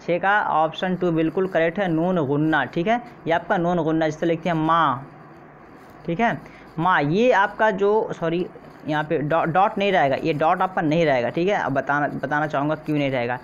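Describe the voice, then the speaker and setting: Male teacher for an exam-prep lesson, patient and repetitive, mid pitch, a little dull and noisy. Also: moderate pace. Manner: repeats questions and says "theek hai" often. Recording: slightly dull, faint noise.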